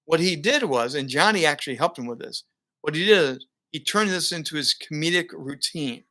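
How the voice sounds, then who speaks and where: A middle-aged man, a broadcaster and keynote speaker appearing as a guest, tells stories in a casual interview. His voice sits fairly high and moves a little fast, and he's an animated storyteller who laughs often.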